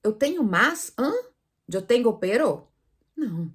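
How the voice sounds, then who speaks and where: A woman teaching Spanish pronunciation in Portuguese, lively, asking viewers questions and demonstrating sounds aloud. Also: fairly high pitch, unhurried, breathy edge. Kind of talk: online language lesson.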